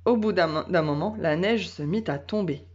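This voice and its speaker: A woman teacher reading a children's storybook aloud in a calm, measured way. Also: on the low side. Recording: dull lo-fi sound.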